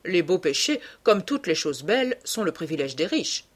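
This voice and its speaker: A woman's voice: lowish voice, very animated, normal speed, husky. A woman voicing a cynical, witty aristocrat. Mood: amused, languid. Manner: languid, epigrammatic, lightly mocking. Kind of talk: audiobook character reading.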